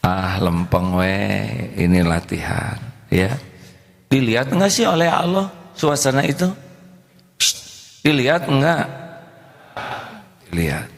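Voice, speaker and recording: A man preaching a lively sermon, jumping up high for emphasis and asking his listeners to answer. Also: takes it slowly, vocal fry, long pauses. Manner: lively, swings to high voice for emphasis and quoted speech; talks directly to the audience, asks them to answer. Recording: long hall reverb.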